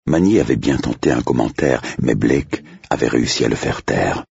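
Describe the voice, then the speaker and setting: A man narrating an audiobook in an extremely deep, gravelly voice, husky rather than clear. His telling rises and falls with lively intonation. The sound is dry and dull, a lo-fi recording. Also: normal speed, no room sound.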